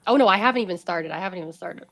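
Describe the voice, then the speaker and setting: A woman's voice: lowish voice, lively intonation, very fast, fairly bright tone. A woman talking casually as a guest on a stream. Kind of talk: casual chat.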